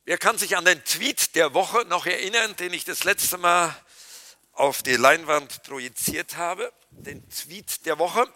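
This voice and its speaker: A man preaching a sermon to his congregation, addressing them informally and dropping to a hushed voice for quoted scripture. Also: fairly high pitch, a little slow, dry recording. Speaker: pastor.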